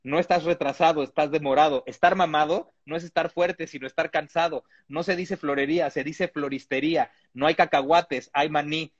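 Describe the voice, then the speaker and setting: A man's voice: on the high side, fairly even intonation, moderate pace, few pauses, slightly rough, lo-fi sound. A man from Mexico, reading a humorous text aloud with comic asides and chuckles.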